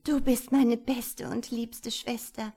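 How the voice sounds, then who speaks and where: A woman voicing a gentle, sorrowful young princess who pleads in a raised, plaintive voice. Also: on the high side, flat delivery, takes it slowly, voice pushed up. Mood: heartfelt.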